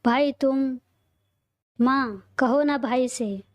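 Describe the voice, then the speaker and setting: A woman's voice: high-pitched, drawn-out words, dry recording, clean studio sound. A woman reading a cheeky young sister. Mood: pleading.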